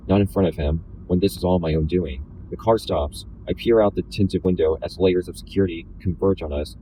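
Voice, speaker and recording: A man reading a first-person novel aloud in a deliberately flat, slightly robotic delivery. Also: low-pitched, a little hiss or hum, poor audio. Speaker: reader.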